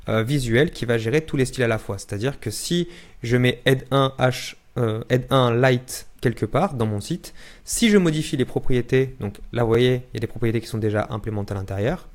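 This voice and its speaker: Man explaining software steps aloud. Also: medium pitch. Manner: relaxed explaining, thinking aloud while clicking. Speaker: no-code tutorial instructor. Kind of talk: screen-recorded software tutorial.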